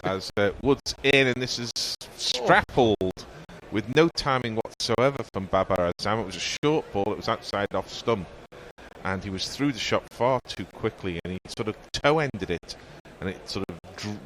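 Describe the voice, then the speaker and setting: Man, cricket commentator, low voice, measured, descriptive, faint background noise. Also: animated, a bit bright, low-quality recording. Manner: measured, descriptive, pauses with fillers. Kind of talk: radio-style live commentary.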